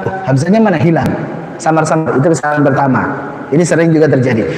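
A man's voice: a little high, fast talker, a little mellow. A man teaching Quran pronunciation in a live lecture, switching between chanted Arabic examples and casual explanation. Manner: demonstrates recitation errors in chanted Arabic, then explains in casual speech. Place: large mosque hall. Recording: echoey mosque hall, long reverb.

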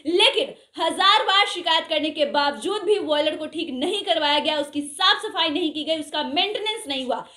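A woman's voice: extremely high pitch, fairly bright tone, roomy sound. A young woman in her twenties presenting a news report to camera in a small studio, earnest and questioning. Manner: earnest, questioning, with open hand gestures. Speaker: news anchor.

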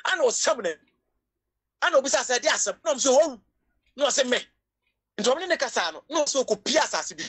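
Her voice sits high and slightly rough, brisk with lively intonation and frequent pauses, as this Ghanaian-accented woman delivers a sermon. Emotion builds until she cries out and shouts, and she mixes English into her Twi preaching.

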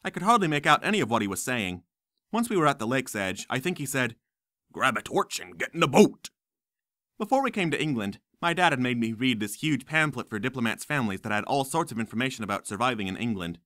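A man reading a first-person audiobook in a wry, lively storytelling manner. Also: medium pitch, fast, no echo, studio quality. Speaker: audiobook narrator.

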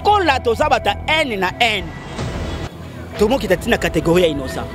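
Interview guest, man, high voice, animated and opinionated, outdoors on a handheld mic, music under it. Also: brisk. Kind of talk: casual interview talk. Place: outdoors against a concrete wall. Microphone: handheld microphone held by the host.

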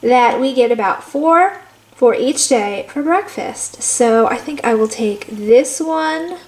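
A woman's voice: on the high side, animated, slow pace, a little mellow. A woman hosting a cooking video, walking viewers step by step through a simple recipe in a chatty way that calls them guys. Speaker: cooking channel host. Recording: echoey room with faint background noise.

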